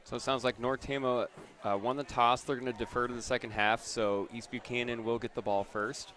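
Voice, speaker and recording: A man with an ordinary mid-range voice is working as color commentator for a small-town football broadcast. He speaks in a relaxed, conversational way, the way a friend chats from the booth. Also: medium pitch, brisk, noisy background. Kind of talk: local high school football broadcast.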